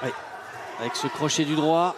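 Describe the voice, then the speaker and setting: A man calling a fight live like an excited wrestling commentator, dramatically hammering each blow. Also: a little high, moderate pace. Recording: loud crowd noise in arena. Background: noisy sports arena crowd.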